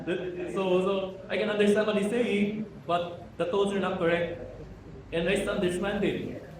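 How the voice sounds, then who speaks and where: A man's voice: high-pitched, little pitch movement, moderate pace, background noise. A man from the Philippines, a Hokkien language instructor, giving a casual workshop lecture to a live audience and asking the room questions. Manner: casual, code-switches with Tagalog fillers, asks the room questions. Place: large echoey room with audience. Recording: echoey hall with crowd.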